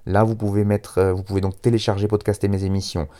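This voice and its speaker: Male radio host, French accent, deep mellow voice, casual solo presenting, hesitant and self-deprecating. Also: little pitch movement, fast. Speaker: radio music show host.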